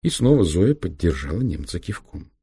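A man narrating an audiobook in a measured, even storytelling manner. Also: low voice, vocal fry, husky, dry recording, clean studio sound. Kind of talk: scripted narration.

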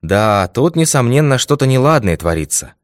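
A man reading the lines of a calm, methodical male detective in a storybook tale, with a measured, confident manner. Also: mid-range voice, no room sound, clean studio sound, pitched above the performer's own voice, natural voice. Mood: assured.

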